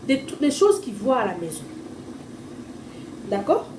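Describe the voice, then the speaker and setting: A woman, a parent teaching her child to read at home, explaining in an informal tutorial and slowly sounding out letters and syllables. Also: on the high side, big pitch swings, noisy background. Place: at home with a small child nearby. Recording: echoey room, mic far off, faint ambience.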